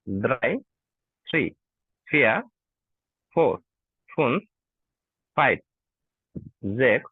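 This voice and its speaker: A man's voice: mid-range voice, no echo. A man teaching an online German class to Bengali speakers. He is patient and often checks that his learners follow. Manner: patient, asks learners "ঠিক আছে?" often. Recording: tinny, dry online call audio.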